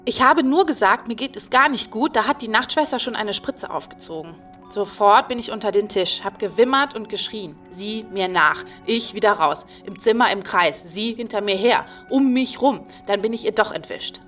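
A woman's voice: mid-range voice, expressive, moderate pace, fairly bright tone, far from the mic, faint music behind, close to an everyday voice. An agitated, paranoid patient, played by a woman, rambles and repeats herself obsessively in a radio play monologue. She is recorded a little way back from the microphone. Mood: fearful.

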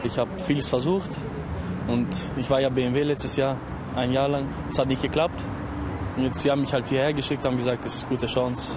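A man's voice: mid-range voice, flat delivery, brisk, very noisy. A teenage boy in a youth program, answering interview questions hesitantly with fillers. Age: teens. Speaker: program participant.

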